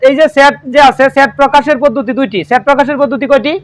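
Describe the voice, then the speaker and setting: A man's voice: very high-pitched, steady tone, fast talker, soft background music. A male math teacher with a Bangladeshi Bengali accent, giving a classroom lesson and quizzing his pupils, repeating their answers back.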